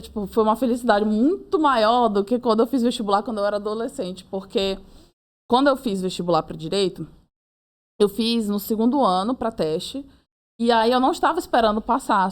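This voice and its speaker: This is a young woman being interviewed. She tells her story in a casual, lively way. She keeps slipping into acted-out quotes of her own and other people's words. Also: on the high side. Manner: animated, acts out her own and others' lines in quick reported speech. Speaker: interviewee, approved medical student.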